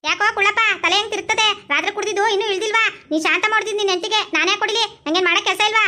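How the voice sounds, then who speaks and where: A meddling old village granny, played by a woman, in a comedy skit, speaking with a Mandya Kannada accent. She rattles off her lines at a breakneck clip in a very high, bright, piercing voice, always egging others on. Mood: scheming. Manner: shrill, rapid, egging others on.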